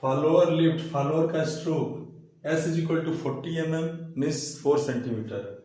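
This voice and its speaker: A man's voice: on the high side, dark tone. Echoey male teacher with sore throat. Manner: slow, deliberate explaining. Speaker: engineering drawing teacher. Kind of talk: step-by-step lecture. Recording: very echoey room.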